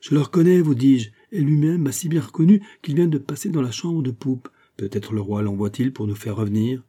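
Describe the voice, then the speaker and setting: A man's voice: on the low side, fairly even intonation, a little fast, warm tone, breathy edge. A man reading a classic novel aloud, voicing a loyal, anxious adviser who speaks in an urgent, pleading way.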